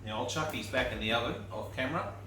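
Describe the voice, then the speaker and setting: A man's voice: medium pitch, quick pace, heavy reverb, distant mic, slight background noise, low-quality recording. A man, chatting casually through a home cooking vlog in an upbeat way. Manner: chatty, upbeat, laughs often. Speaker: cooking vlogger. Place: home kitchen.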